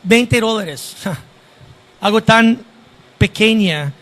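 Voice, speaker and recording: A pastor preaching a sermon and often asking the congregation direct questions. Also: male voice, sits high, lively intonation, very slow, a bit bright.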